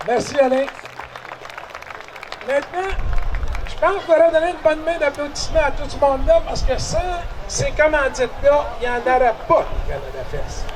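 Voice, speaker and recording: High-voiced jovial man announcing on stage. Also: lively intonation, moderate pace, far from the mic, a crowd in the background, noisy background. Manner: jovial, thanking sponsors. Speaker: festival emcee. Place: outdoor festival stage.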